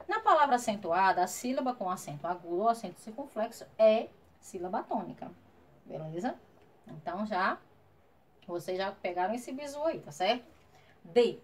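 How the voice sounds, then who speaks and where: Masked teacher, woman, a little high-pitched, patient, explains step by step, constant "right?" check-ins. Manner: patient, checks in often with "tá?" and "certo?". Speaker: primary school teacher. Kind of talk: recorded grammar lesson for children. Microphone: wearing a face mask.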